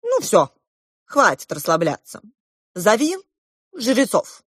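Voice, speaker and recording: A woman voicing a bossy, playful male king in a children's audiobook, giving loud commanding proclamations. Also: a little high, big pitch swings, slow, no echo, studio quality, pitched above the performer's own voice, full character voice. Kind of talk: audiobook character voice.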